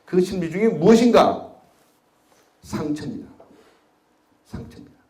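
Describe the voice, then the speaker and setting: Middle-aged man, public lecture, storytelling, questions to the crowd, fairly high voice, echoey hall. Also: expressive, a little fast. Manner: storytelling, asks the audience questions, wide swings in loudness. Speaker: speaker giving a public policy lecture. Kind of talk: lecture to a live audience.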